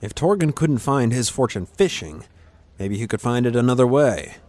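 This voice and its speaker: Narrating written fantasy fiction, a man takes a measured, dramatic approach with deliberate pauses. His voice is medium-pitched and darkish in tone, with lively intonation.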